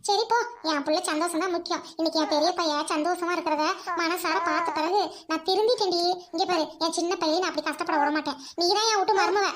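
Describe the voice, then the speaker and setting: Very high-voiced woman scolding. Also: fast talker, few pauses. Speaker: hobby drama performer. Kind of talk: amateur family drama acting.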